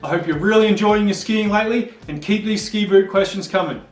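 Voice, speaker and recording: High-pitched, nasal man in a roomy space. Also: brisk. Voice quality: nasal, blocked-nose sound. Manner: informal, explanatory. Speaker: host of a ski boot advice show. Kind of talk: informal instructional Q&A to camera. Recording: roomy echo, distant mic, music.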